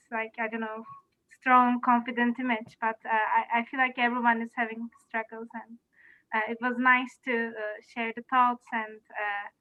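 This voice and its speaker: A woman sharing her thoughts hesitantly in a casual online discussion, with many fillers. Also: a little high. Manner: hesitant, many uhs, grateful. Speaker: participant. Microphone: video call. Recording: tinny phone-like call audio.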